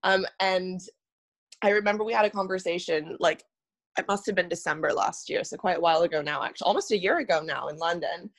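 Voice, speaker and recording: A woman's voice: on the low side, fast talker. Young woman, from Singapore, podcast guest, thoughtful, casual talk. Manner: thoughtful, many fillers and restarts.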